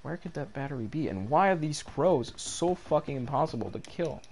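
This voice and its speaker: A man's voice: a little high, animated, moderate pace, darkish tone. A young man commenting on his own gameplay, frustrated, rambling and swearing as he goes. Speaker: gamer. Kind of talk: let's play commentary. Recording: audible background noise.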